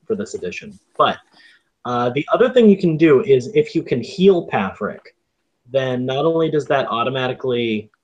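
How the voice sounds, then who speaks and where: Husky guy GMing a tabletop game, lots of ums, stops and starts to explain rules. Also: medium pitch, highs cut off. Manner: halting explanations with many ums and restarts. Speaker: game master. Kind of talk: running a tabletop game over chat.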